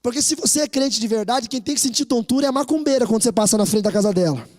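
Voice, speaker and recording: A man with a Brazilian Portuguese accent preaching a sermon as pastor, telling stories in an animated way and rousing his congregation to repeat after him. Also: extremely high pitch, racing. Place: church hall. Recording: long reverb of a church hall.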